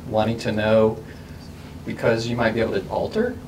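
A middle-aged man moderating a group discussion, asking quick, playful, probing questions in a school library. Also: mid-range voice, animated, crowd noise. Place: large school library, indoors. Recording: distant mic with faint room noise.

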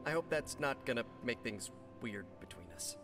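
An actor playing a young, nervous and quippy male superhero in a video game, joking fast with his voice jumping up and down. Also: lively intonation, music in the background, natural voice. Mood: chatty. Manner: jokey, fast and playful, voice jumping high and low.

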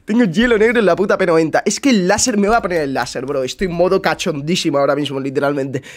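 A young man from Spain with a Spanish accent, commenting on his own game in his bedroom at home, swinging between muttering and excited shouting, and swearing a lot. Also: a little high, very fast. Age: young adult. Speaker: gamer streamer. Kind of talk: live gameplay commentary.

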